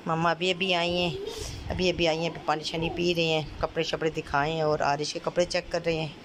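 A woman's voice: low voice, level tone, brisk. A woman recording a casual family vlog at home, coaxing and soothing a crying child and chatting to the camera. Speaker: family vlogger. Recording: noisy home phone recording.

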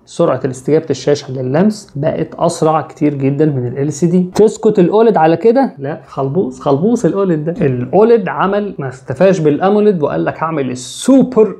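A man's voice: a little high, fast talker, gravelly, hardly any pauses, warm tone. A young man with an Egyptian Arabic accent, explaining phone screens in a joking, chatty way and teasing the listener with street slang. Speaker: tech channel host. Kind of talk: comic tech explainer.

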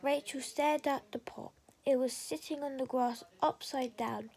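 A woman reading a children's bedtime story aloud in a soft, hushed voice. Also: high voice, fairly even intonation, measured pace.

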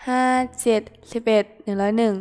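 Young woman, from Thailand, playful game streamer, excitable chatter, slightly high voice. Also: fast talker. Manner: playful, excitable, talks to viewers while playing. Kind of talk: casual game streaming chat.

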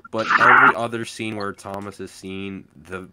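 A man hosting a casual livestream voice chat, halting and emphatic, restarting his sentences often. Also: on the low side, steady tone, heavy background noise. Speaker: livestream host.

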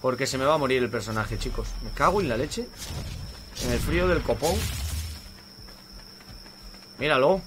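A young man with a Spanish accent from Spain, hosting casual gameplay commentary, swearing often, grumbling at the game and breaking into loud panicked shouts. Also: medium pitch, normal speed, pauses often, music in the background. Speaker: gaming channel host.

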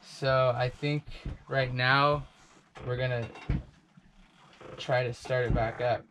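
Male sailing vlogger, thirties, mid-pitched, casual halting explanations to a handheld camera, some boat noise. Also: level tone, fairly bright tone. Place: aboard a small sailboat at sea. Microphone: handheld camera at arm's length. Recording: wind, boat and engine noise.

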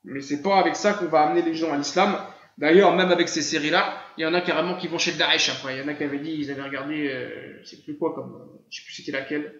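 A man with a rather high, bright voice gives an informal religious lesson in a loose, meandering way, repeating himself and filling pauses as he talks. The sound is dull and muffled, with a roomy echo, as if heard through an online voice-chat room. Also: fairly even intonation. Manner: conversational and rambling, with frequent fillers and repetition. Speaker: religious teacher. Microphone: computer microphone in a voice-chat room.

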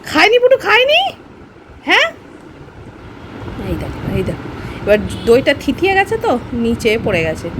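A woman's voice: fairly high pitch, huge pitch swings, moderate pace, long pauses, very noisy. A woman coaxing and mock-scolding her pet in sing-song baby talk, chatting on a casual home video. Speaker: pet owner filming her dog.

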